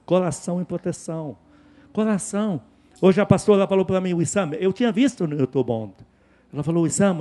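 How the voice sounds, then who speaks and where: Male pastor, high voice, emphatic sermon delivery, hushed asides then loud peaks. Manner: emphatic, repeats key words, swings from hushed to loud.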